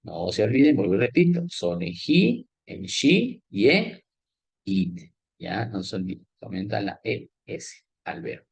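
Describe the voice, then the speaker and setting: In a classroom grammar lesson, a male English teacher with Spanish as his first language explains things step by step at a slow, patient pace, alternating Spanish and English and checking in with "¿ya?" and "¿sí?". His voice runs low and husky with vocal fry and big pitch swings. Poor audio, no echo.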